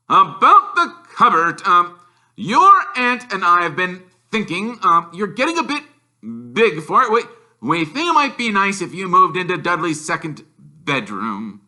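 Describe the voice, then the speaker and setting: A man's voice: sits high, sing-song, bright, forceful tone, pitched above the performer's own voice, full character voice. A man voicing a blustering, short-tempered uncle in a storybook, strained and sputtering as he gives orders or forces out politeness. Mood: forced niceness. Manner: sputtering, halting, barking orders.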